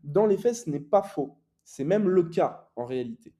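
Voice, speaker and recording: A man's voice: on the high side, animated, normal speed, warm tone. A young man teaching online advertising in a casual, explanatory way, with frequent fillers and self-corrections. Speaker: e-commerce ads coach.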